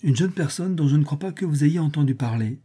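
A man's voice: fairly high pitch, expressive, fast, dark tone, husky, voice pushed up. A man reading aloud, voicing a witty, teasing aristocratic baroness in a period audiobook. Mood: coquettish. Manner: playful, mocking, coquettish.

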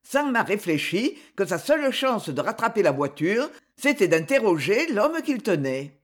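A narrator reads an adventure novel with dramatic expression. The pitch sits in a middle register but swings widely. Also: very animated, normal speed. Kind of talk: audiobook narration.

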